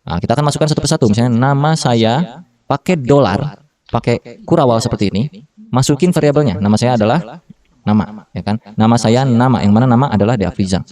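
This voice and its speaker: Recorded from a distance, a programming tutor in his thirties gives a casual coding tutorial in a mid-range, mellow voice, speaking a little fast. His slangy, Jakarta-style talk is full of fillers, and he often corrects himself mid-sentence.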